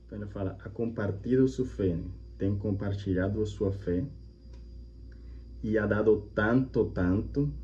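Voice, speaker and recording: Male teacher host, very low and mellow voice, friendly explanatory chat, slightly muffled take with faint hum. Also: normal speed. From Colombia. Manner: friendly, chatty, repeats examples with frequent "né?". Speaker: language teacher and channel host. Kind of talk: casual explanatory reaction video.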